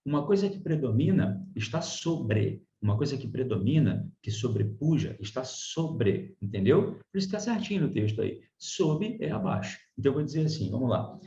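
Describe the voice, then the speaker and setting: A man's voice: medium pitch, normal speed, few pauses, roomy sound, highs cut off. A man with a Brazilian Portuguese accent teaching a grammar lesson in an online class, explaining with frequent rhetorical checks. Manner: explains with many rhetorical checks, lively emphasis. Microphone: video call.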